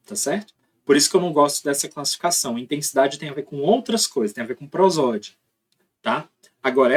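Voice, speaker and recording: A man's voice: fairly high pitch, husky. A young man teaching a recorded class. He explains step by step and keeps checking that students follow him.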